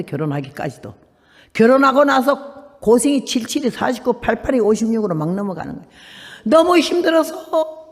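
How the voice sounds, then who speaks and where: A woman in her eighties, a missionary preacher, giving a lively testimony sermon and acting out the people in her story with big jumps in pitch and loudness. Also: big-room sound. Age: 80s.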